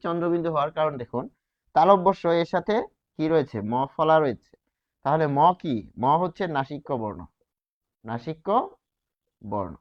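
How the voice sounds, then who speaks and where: A man teaching a grammar lesson, posing rhetorical questions and answering them, stretching key words slowly. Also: on the high side. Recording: dull lo-fi sound.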